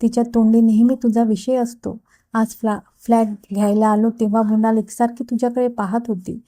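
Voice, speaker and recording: A woman's voice: on the high side, flat delivery, fairly quick, dark tone, natural voice. A woman voicing a playful, insistent young woman who teases her brother, read in an audiobook. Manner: teasing and insistent. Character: young woman, teasing playful sister figure.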